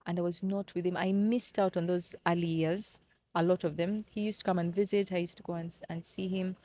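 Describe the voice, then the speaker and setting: A woman's voice: lowish voice, steady tone, a little fast, dark tone. A woman in her thirties from Kenya, a podcast guest telling personal stories in an earnest, reflective way and often repeating words as she finds them. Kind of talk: candid conversational storytelling.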